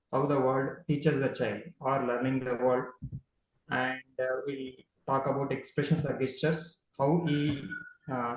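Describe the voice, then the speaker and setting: A man's voice: medium pitch, reverberant, rough recording. A man presenting observations of his young child on a video call, speaking hesitantly with many fillers. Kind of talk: online talk presentation.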